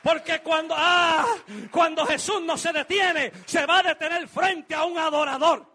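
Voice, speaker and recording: A man preaching a dramatic sermon, acting out scenes and building to shouts. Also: very high voice, fairly even intonation, measured pace, some chatter behind.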